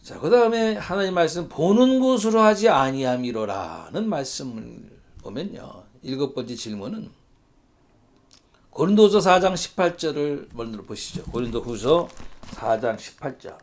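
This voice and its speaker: High, lively-voiced Korean pastor. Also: male voice, moderate pace. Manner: reads scripture aloud, asks the congregation rhetorical questions. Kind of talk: Bible study sermon.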